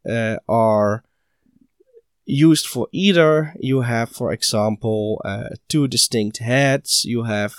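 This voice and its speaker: A man hosting a hobby podcast, talking in a halting way with many fillers and restarts, still short of breath after being ill. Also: mid-range voice, clear, resonant tone, no echo, studio quality. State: recovering from illness, short of breath. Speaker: podcast host. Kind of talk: casual hobby podcast monologue.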